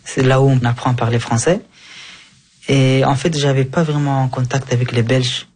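A young man from Afghanistan talks calmly about his past in an interview. His voice is husky at a middle pitch, and his speech is careful, with fillers and frequent self-corrections. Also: normal speed. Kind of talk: calm personal account.

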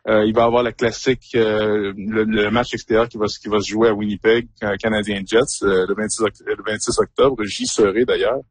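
A man's voice: on the low side, level tone, a little fast, few pauses, no echo. A man in his fifties with a Québécois accent, talking casually as a radio guest, hesitant with many fillers and repeated words. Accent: Québécois French. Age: 50s. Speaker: guest, hockey fan.

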